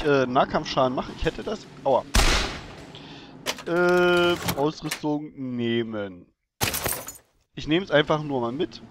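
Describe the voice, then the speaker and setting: A man comments casually on a video game as he plays, chatting away to himself and to the game character. His voice sits a little high, and steady background noise runs under the home recording. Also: gravelly. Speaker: let's play host.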